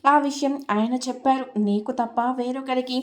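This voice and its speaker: A woman's voice: sits high, steady tone, moderate pace, close to an everyday voice. A woman voicing a protective younger sister who comforts one and scolds another in a storybook reading. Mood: earnest. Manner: earnest, scolding.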